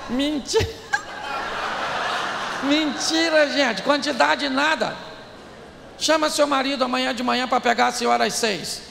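High raspy-gravelly guy preaching funny, chatting w the crowd, big echoey hall, bit of noise. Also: a little slow, pauses often. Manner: animated, jokey, addresses the crowd directly. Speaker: preacher, speaker. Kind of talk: humorous preaching to a live audience. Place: large hall.

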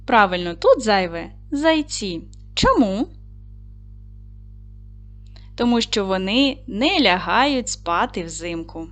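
A primary school teacher with a mid-range, fairly bright voice leads an online lesson for second graders, speaking slowly and patiently straight to the children. Her sing-song delivery rises and falls a great deal, with long pauses.

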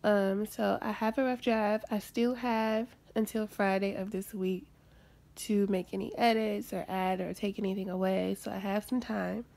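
Sassy chatty woman with gravelly voice. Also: medium pitch, level tone, moderate pace, darkish tone. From United States. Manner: chatty, sassy, calls viewers honey. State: nasal congestion. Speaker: vlogger. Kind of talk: casual vlog chat. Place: at home.

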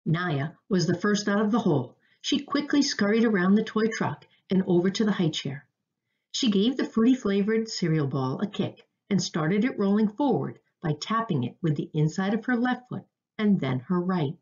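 A woman narrating a children's storybook in an expressive read-aloud manner. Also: medium pitch, normal speed, highs cut off.

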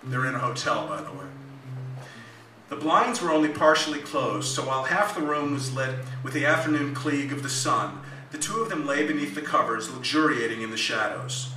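Author reading live in a small club, deadpan, bright crisp voice, echoey room. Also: male voice, medium pitch, a little fast, a little hiss or hum. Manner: dry, deadpan asides. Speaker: author reading his novel. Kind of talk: live comic fiction reading. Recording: echoey club, mic at a distance.

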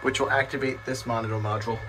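A man with a mid-pitched voice narrates a hobbyist's walkthrough. He is casual, technical and matter-of-fact. The handheld phone recording carries faint noise. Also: fairly even intonation, quick pace, sharp tone, low-quality recording. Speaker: hobbyist demonstrator. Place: home garage and adjoining rooms, handheld camera.

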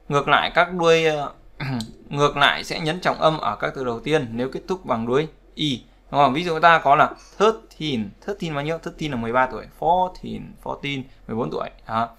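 Gravelly, bright male teacher. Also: mid-range voice. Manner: repetitive, conversational, checks with "đúng không?". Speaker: English pronunciation teacher. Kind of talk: explaining word stress in a lesson.

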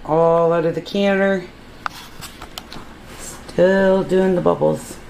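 A woman's voice: on the low side, fairly even intonation, takes it slowly, gravelly, a little mellow. A woman vlogger in her home kitchen, chatting casually and explaining each step to her viewers. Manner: chatty, instructive, addresses viewers as guys. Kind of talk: casual how-to vlog. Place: home kitchen with electric glass-top stove. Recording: noisy kitchen with hissing steam. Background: steam and cooking sounds from a pressure canner.

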